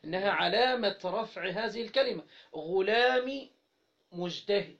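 A man with an Egyptian Arabic accent gives an interactive Arabic grammar lesson, getting students to complete his sentences and stretching out example words slowly. His voice sits high and is fairly bright. The recording is dull and lo-fi.

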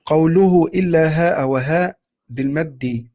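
A man reading a classical commentary aloud to his teacher in a steady, respectful recitation. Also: a little high, unhurried.

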